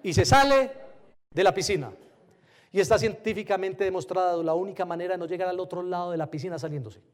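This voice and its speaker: A man giving an animated motivational talk to a live audience, often firing rhetorical questions at them. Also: sits high, quick pace. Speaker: motivational speaker.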